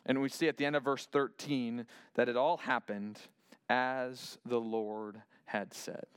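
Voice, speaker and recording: Male Bible teacher, chatty and imaginative, with a smooth, clear voice recorded close and dry. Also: medium pitch, steady tone, unhurried, no room sound. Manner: imaginative, thinking aloud, many restarts. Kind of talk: casual Bible lesson retelling.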